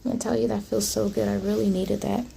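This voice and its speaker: A woman's voice: medium pitch, little pitch movement, fairly quick, gravelly, warm tone, a little hiss or hum. A woman talking casually and earnestly to her viewers in a personal vlog, in a confiding way. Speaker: vlogger.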